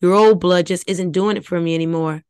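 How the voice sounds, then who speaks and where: A woman voicing a cold, scheming male villain in a story reading, with a slow, smug drawl. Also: on the low side, steady tone, a little mellow, clear, resonant tone, no echo, natural voice, poor audio. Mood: sneering. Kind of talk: audiobook reading.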